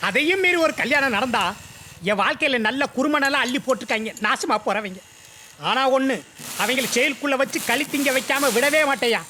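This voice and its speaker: High, quick, whining loser of a husband, bright tone. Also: male voice, slight background noise. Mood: ranting. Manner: whining, ranting. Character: self-pitying, ranting shopkeeper husband.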